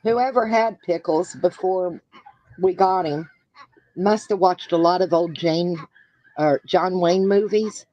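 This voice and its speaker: A woman hosting a casual live chat, talking in a homey, drawn-out way. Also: fairly low pitch, mellow, no echo, lo-fi sound. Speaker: livestream host.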